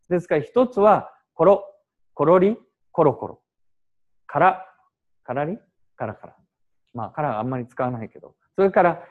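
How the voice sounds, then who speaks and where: A man teaching Japanese to a class, explaining with examples and short English glosses in a lively, animated way. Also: fairly high pitch.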